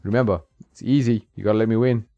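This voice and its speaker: Fast and creaky yet mellow, this fairly low, steady voice belongs to a man laughing and talking back to characters in casual gameplay commentary. There is no echo, just a slightly dull lo-fi mic and game music.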